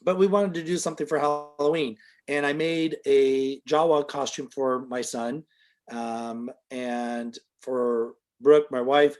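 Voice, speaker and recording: A man's voice: medium pitch, fairly even intonation, takes it slowly, darkish tone. A middle-aged man telling a long, casual story as an interview guest, full of fillers, and livelier when he quotes other people.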